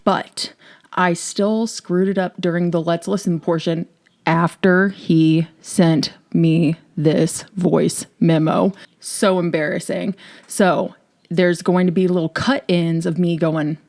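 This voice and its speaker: A woman's voice: on the low side, steady tone, slow, darkish tone. A woman vlogger talking about music, chatty and emotional, reading excerpts aloud. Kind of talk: vlog commentary with readings.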